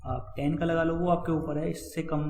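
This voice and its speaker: This coding tutor speaks on the high side in a level, dark tone and at normal speed. He teaches web coding in a chatty screen recording, addressing viewers as guys and brother and going over key points more than once. The recording is rough and sounds roomy.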